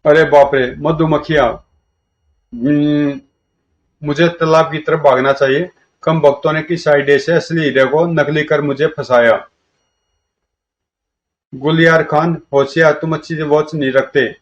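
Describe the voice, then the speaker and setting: A man's voice: fairly high pitch, normal speed. Man reading a comic aloud. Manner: lively, shifts between characters' lines. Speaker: comic story reader. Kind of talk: reading a comic aloud, voicing all characters. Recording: dull lo-fi recording.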